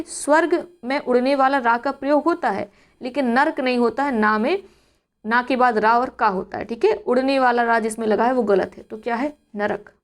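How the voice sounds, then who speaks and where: A woman with a slightly high voice leads an exam-prep spelling lesson. She works through each word step by step, asks herself rhetorical questions and repeats the answer slowly. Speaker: teacher.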